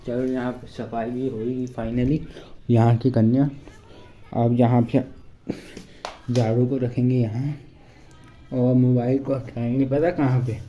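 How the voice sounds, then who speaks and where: A young Indian man with a medium-pitched, dark voice vlogs casually from his village house, cleaning rooms while joking, rambling and calling viewers "brothers," a little out of breath. He talks slowly with long pauses and barely any pitch movement. It's shot on a phone camera without an external mic, so the audio sounds dull, lo-fi and echoey.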